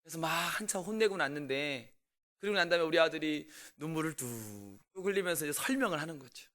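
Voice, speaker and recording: Lively, animated Korean pastor. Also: male voice, a little high, fast. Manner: animated, swings between loud outbursts and quiet asides; asks the congregation questions. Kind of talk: storytelling sermon.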